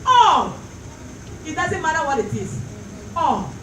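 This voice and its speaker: A female pastor preaches a fervent sermon in a very high voice, driving points home with repetition and questions thrown out to the congregation. She is picked up from a distance in a roomy, echoing space, with clear noise behind her. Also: very animated, takes it slowly, a bit bright.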